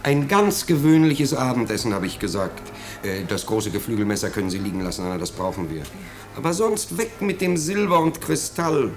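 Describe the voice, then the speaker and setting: In a 1950s German radio drama, a male actor plays a pompous, nervous householder who is fussy, bossy and eager to please, blustering and stammering when uneasy. His mid-range voice is expressive, a little fast and close to everyday speech, heard over music.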